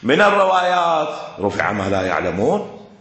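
A man's voice: a little high, big pitch swings, normal speed, a bit bright. A man with an Iraqi accent giving a classroom lecture, driving his points home by repeating them and asking rhetorical questions. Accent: Iraqi Arabic. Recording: very echoey room.

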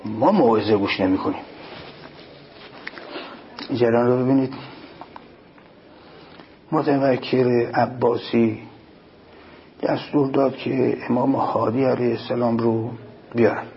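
A man's voice: medium pitch, fairly even intonation, pauses often. A man preaching a religious sermon, reciting Arabic passages and explaining them in Persian, rising emphatically on key points. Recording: dull lo-fi recording, faint noise.

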